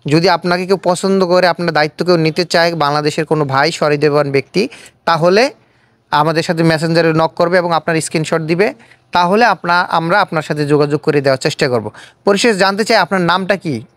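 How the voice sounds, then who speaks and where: With no room sound in the clip, a Bangladeshi-accented host speaks fairly quickly in a mid-range voice. He conducts an easygoing street-style interview on camera and repeats answers back as questions to draw out more.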